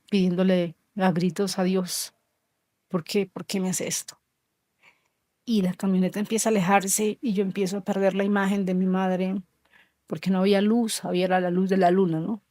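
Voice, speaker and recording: A woman in her thirties from Colombia, giving emotional personal testimony in an interview, slow and halting with soft trailing lines. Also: medium pitch, no echo, studio quality. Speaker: interview guest.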